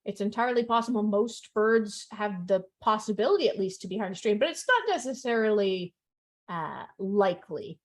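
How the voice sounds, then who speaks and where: A woman's voice: medium pitch, normal speed. A woman hosting a live online adoption fair, chatting and laughing with a guest over a video call. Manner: chatty, lively, laughs often. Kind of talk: live online chat interview.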